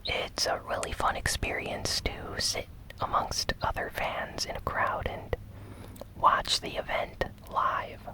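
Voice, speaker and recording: In a poorly recorded clip, a gaming news host whispers softly and breathily throughout, never raising the voice. The ASMR delivery is gentle and recap-like, unfolding in brief, very slow, deliberate phrases.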